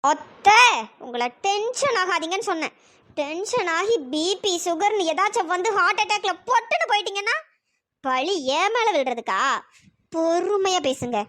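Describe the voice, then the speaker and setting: A sly young troublemaker in a cartoon, taunting in a slow, falsely calm voice, played by a pitch-shifted performer. The voice is very high and bright, and it rises and falls a lot. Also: full character voice. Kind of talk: cartoon voice acting.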